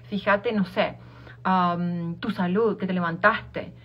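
Slow-paced and on the low side, a woman's fairly even voice carries an Argentine Spanish accent as she coaches listeners informally, repeating herself and restarting phrases. Lo-fi, dull-sounding audio.

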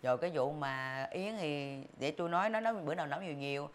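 A woman's voice: sits low, fast talker, natural voice. An actress playing a chatty, boastful elderly mother in her sixties, with a Southern Vietnamese accent and frequent exclamations. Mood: teasing. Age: 60s. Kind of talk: sitcom acting.

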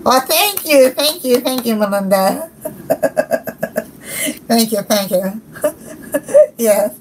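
Young woman, livestream host, giggly and chatty, bright higher voice, slight noise behind. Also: lively intonation, takes it slowly, low-quality recording. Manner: giggly, chatty, reads out and thanks viewers. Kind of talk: casual livestream chat with viewers.

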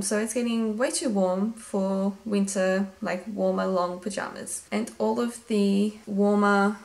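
Chatty young Australian woman, gravelly, echoey room. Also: mid-range voice. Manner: chatty, gushing, says "like" and "literally" a lot. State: losing her voice. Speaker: vlogger. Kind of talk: casual try-on haul chat.

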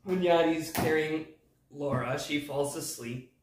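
A man's voice: fairly high pitch, measured pace. A man hosting a casual movie recap who rambles and hesitates, full of fillers. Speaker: movie review host. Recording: echoey room, distant mic.

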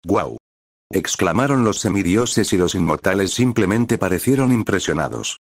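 A man reading a fan story aloud in steady, even narration. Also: low-pitched, moderate pace, dry recording, clean studio sound. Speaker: fan fiction reader.

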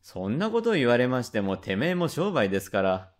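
A man's voice: mid-range voice, big pitch swings, a little fast, natural voice. A man doing a polite dumpling seller. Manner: smooth, politely deferential. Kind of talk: rakugo storytelling.

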